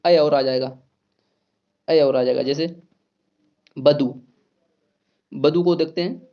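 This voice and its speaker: Speaking slowly and steadily in a fairly high voice, a man teaches an exam-prep grammar lesson, repeating key words and posing questions that he answers himself. The audio is dull and lo-fi.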